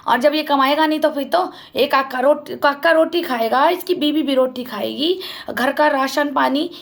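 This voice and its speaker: A woman's voice: high-pitched, vocal fry, fairly bright tone. A young woman vlogger giving an impassioned personal account, speaking accusingly and directly to family members. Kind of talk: emotional personal account to camera.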